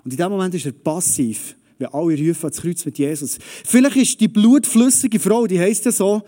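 A man preaching a lively, conversational sermon straight to the audience. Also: sits high, moderate pace.

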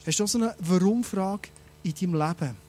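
A man preaching a sermon, animated and speaking straight to his listeners with many rhetorical questions. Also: high voice, brisk.

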